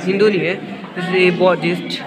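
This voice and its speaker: A vlogger in his twenties from Himachal Pradesh, India, talks casually into his phone at arm's length while walking hill walkways, with some indoor moments. His voice is high and level at a normal pace, surrounded by a loud crowd. The audio is poor, and loud music is laid over his words.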